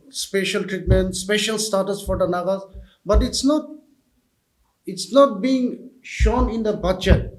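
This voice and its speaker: Man, high voice, unhurried, emphatic, echoey room. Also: darkish tone. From Nagaland, India. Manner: emphatic, rhetorical questions, repeats himself. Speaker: opposition party politician. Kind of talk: press conference statement.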